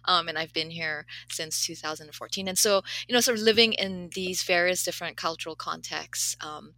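A woman with a low, bright, crisp voice speaks as a guest in a casual interview. She is a professor from Malaysia and Canada who talks thoughtfully, pausing often on fillers. The sound is dry and close. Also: no echo, poor audio. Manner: thoughtful, hesitant, many fillers.

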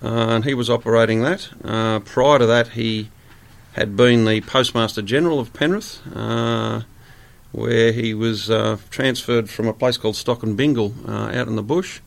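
An Australian man in his sixties, a guest chatting in a relaxed interview, rambling with many fillers. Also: medium pitch, normal speed, gravelly. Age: 60s.

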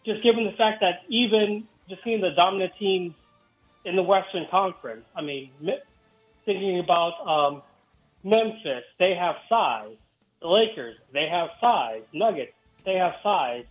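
Over a tinny phone line that sounds like speech inside a tin can, a high-pitched, expressive man rings a sports call-in show with soft music in the background. He speaks at a measured pace and lays out his analysis methodically, one point at a time.

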